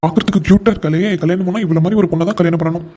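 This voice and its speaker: A man voicing a cheeky, flirty younger brother in a cartoon, talking in a rapid, breezy, teasing way. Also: high voice, fairly even intonation, loud music behind the voice, natural voice. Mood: chatty. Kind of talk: animated cartoon voice acting.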